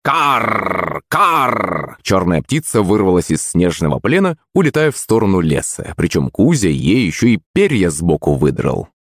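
A man narrating an audiobook with lively storytelling. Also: low-pitched, moderate pace, few pauses, no room sound, clean studio sound.

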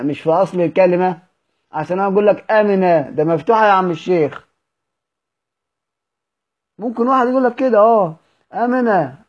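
A high-pitched Egyptian man teaching a recitation lesson. He poses questions and answers them himself, stretching out example words slowly. The recording sounds dull and lo-fi. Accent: Egyptian Arabic.

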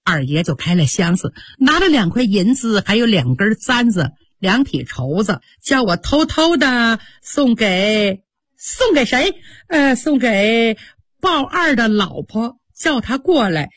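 A woman's voice: on the high side, sing-song, unhurried, slightly rough, no room sound, clean studio sound, full character voice. A woman voicing a frightened young servant girl who pleads through tears in a storytelling performance. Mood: tearful pleading. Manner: crying, pleading, stammering.

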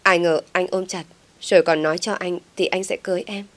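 A scheming young woman pleads through fake tears, playing the wronged victim, as a female narrator voices her. Her pitch sits on the low side. The delivery is a simple storybook reading. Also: steady tone, fairly quick, close to an everyday voice. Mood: pleading, sobbing. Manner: tearful pleading.

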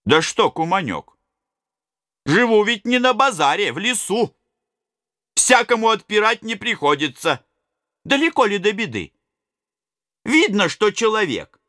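A man's voice: high voice, very animated, measured pace, pauses often, pushed and bright, no echo, studio quality, pitched above the performer's own voice, exaggerated voice. A man voicing an old grey-bearded male miller, sly and evasive, talking in a wheedling, coaxing way.

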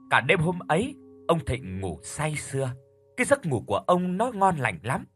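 Expressive male storyteller, bright voice. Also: medium pitch, husky. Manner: expressive, dramatic. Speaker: audiobook narrator. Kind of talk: storytelling narration.

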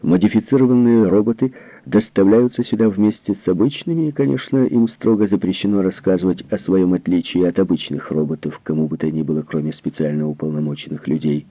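Casting: a man as a troubled general, low and earnest, audiobook reading, tinny and dry. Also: steady tone, a little fast, no room sound. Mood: worried. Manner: earnest, explanatory. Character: worried, troubled middle-aged male general. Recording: tinny narrow-band recording.

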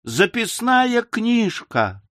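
A man reading an audiobook, voicing a naive older gentleman protesting his innocence in earnest. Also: very high-pitched, sing-song, extremely slow, no echo, clean studio sound, voice pushed up, heavily acted. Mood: indignant.

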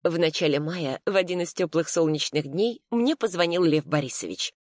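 A woman reading a first-person story aloud in a calm, reflective way. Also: on the low side, normal speed, dry recording, studio quality. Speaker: audiobook narrator. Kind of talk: scripted first-person narration.

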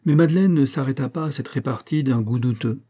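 Male audiobook narrator, husky, dark tone, steady reading. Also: medium pitch, fairly quick.

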